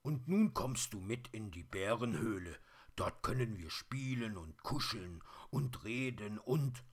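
A man voicing a shy, kind little bear cub in a storybook reading, speaking softly and gently. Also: on the low side, animated, a little slow, husky, voice pushed up, full character voice. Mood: comforting. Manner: soft, gentle, murmuring.

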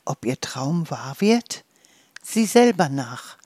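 A storyteller reading a calm guided fantasy journey and fairy tale in a soft, soothing manner. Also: mid-range voice, slow, no room sound.

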